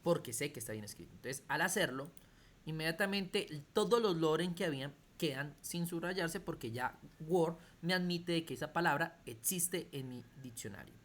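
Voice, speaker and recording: A man's voice: a little high, animated, normal speed, fairly bright tone. Chatty man teaching an online class. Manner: repeats himself, checks in with students often. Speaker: computer teacher.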